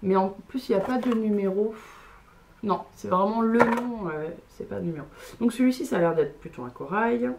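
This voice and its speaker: A woman's voice: mid-range voice, normal speed, creaky, background noise. A woman beauty vlogger chatting casually through a makeup haul, hesitant and full of fillers.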